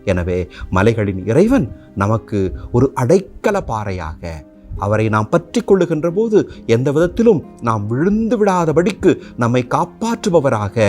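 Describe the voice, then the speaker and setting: A man's voice: medium pitch, darkish tone. A man giving a reflective sermon on a psalm, then leading a prayer in a rhythmic, repetitive cadence.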